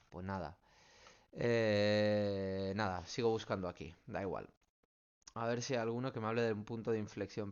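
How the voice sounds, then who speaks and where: Guy teaching math over a video call, patient, keeps checking everyone follows, bit muffled audio. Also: medium pitch. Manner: patient, explains step by step, keeps checking with "¿vale?". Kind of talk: online class solving student questions.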